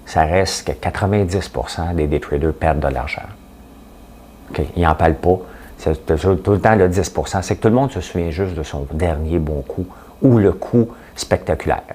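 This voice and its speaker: A man with a Quebec French accent, hosting a casual morning talk to camera, rambling and animated as he tells stories. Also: deep voice, normal speed, slight background noise. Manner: chatty, rambling, animated storytelling. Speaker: host. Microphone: studio camera setup.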